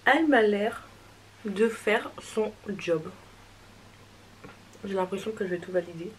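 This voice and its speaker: A woman's voice: medium pitch, animated, measured pace, slight background noise, low-quality recording. Chatty young woman reviewing makeup. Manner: chatty, hesitant, reassuring. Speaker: beauty vlogger.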